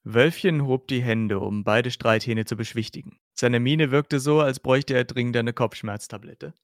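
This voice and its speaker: A man, a podcast host, reading narration from a novel, steady with small slips. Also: mid-range voice, normal speed, dry recording, studio quality.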